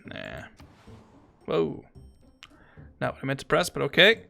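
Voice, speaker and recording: A man streaming a strategy game, chatting casually, thinking aloud, talking to his chat, and sometimes reading game text aloud slowly. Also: a little high, huge pitch swings, creaky, bright, forceful tone, soft background music. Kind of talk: casual gameplay commentary.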